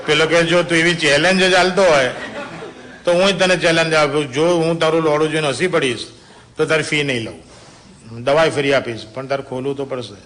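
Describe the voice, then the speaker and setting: Male comic with a slightly high voice, chatty and crude, laughs at his own punchlines. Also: fairly quick, a bit bright, a little hiss or hum. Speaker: stand-up joke teller. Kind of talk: bawdy joke telling to a small audience.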